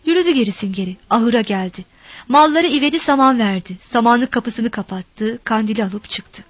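A woman reading a novel aloud as narrator, in a steady storytelling manner. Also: on the high side, normal speed, no echo.

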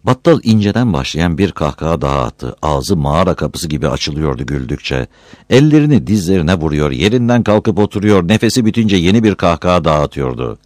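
A man's voice: low voice, fairly quick, no echo, studio quality. A man reading a village story aloud and doing the voices of its characters. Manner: lively storytelling.

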